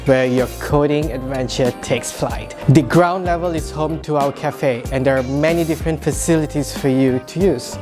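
A man guiding a walking tour of a coding campus, cheerful and welcoming with playful asides. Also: medium pitch. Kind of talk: scripted walking tour narration. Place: large open-plan campus building indoors. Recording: music playing behind.

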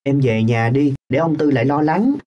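A woman acts a teenage boy who sells lottery tickets, in a radio play. The voice is low and mellow, and he talks in a coaxing, brotherly way. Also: normal speed, muffled recording, a little hiss or hum. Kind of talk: radio drama acting.

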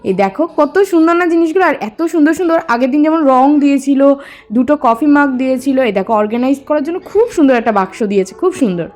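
A woman's voice: sits high, lively intonation, very fast, a little mellow. A young adult woman chatting to viewers and showing off things around her home. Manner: chatty, listing items to viewers. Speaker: vlogger. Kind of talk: casual home vlog narration.

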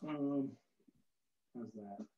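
In an online lecture, a man explains things casually, using lots of fillers and drawing out his words at a medium pitch. The lo-fi mic makes him sound dull and muffled, as if heard through a wall.

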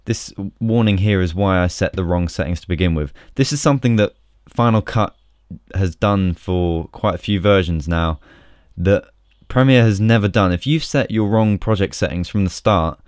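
A man casually walking through a software tutorial, chatty and relaxed, with frequent ums and small restarts. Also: deep voice, moderate pace, no echo, clean studio sound. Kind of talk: casual screen-recorded tutorial.

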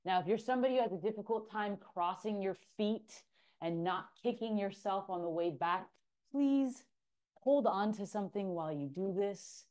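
A woman's voice: mid-range voice, moderate pace, a little mellow. A woman leading a workout class, counting reps aloud and giving upbeat coaching cues. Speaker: fitness instructor. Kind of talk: guided workout cueing.

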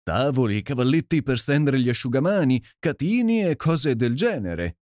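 A man reading an audiobook and voicing a boisterous, jovial Canadian gentleman with a hearty, exclamatory manner. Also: mid-range voice, sing-song, normal speed, no room sound, pitched above the performer's own voice, lightly acted. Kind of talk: audiobook character voice. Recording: dry close sound.

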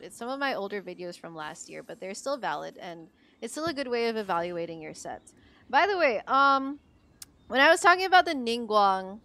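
A young adult woman from the Philippines with a mid-range, slightly bright voice chats casually to viewers on her game livestream. As a game streamer she rambles in a chatty way, leaning heavily on fillers, especially "like."

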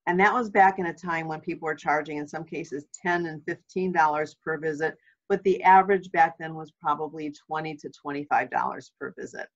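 A woman's voice: low voice, a little fast. Chatty woman trainer, dull lo-fi audio. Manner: chatty and anecdotal, lively asides. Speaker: home watch trainer. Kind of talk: informational webinar talk.

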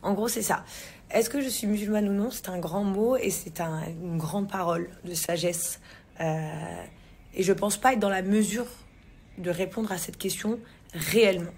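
A woman in her thirties, born in England, vlogs casually to followers from a large living room, recording on a phone camera at arm's length. Her mid-range voice is a little mellow with a breathy edge, fairly even in intonation at normal speed, and full of fillers, restarts and slang.

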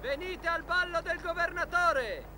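An actor playing a loud town crier, proclaiming announcements in drawn-out calls in a dubbed film. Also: male voice, extremely high pitch, animated, background noise.

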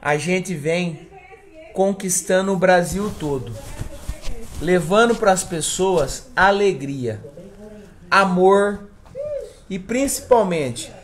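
A man's voice: high-pitched, takes it slowly, pauses often. A young man with a Brazilian accent, hosting a family live stream with casual, teasing chat in a living room. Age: young adult.

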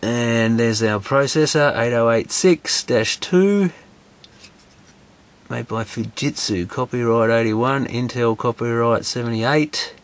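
A man's voice: medium pitch, slow pace. A man casually talks through a computer teardown at his workbench, thinking aloud as he goes. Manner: thinking aloud, hedging guesses. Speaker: electronics repair host. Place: workshop bench, indoors.

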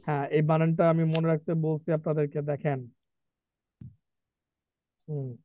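Teacher over a tinny call. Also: male voice, fairly high pitch, flat delivery, measured pace, a little hiss or hum. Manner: repetitive, drills spellings and pronunciation, chatty asides. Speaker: English teacher. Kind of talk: online vocabulary class. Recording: tinny dry online call.

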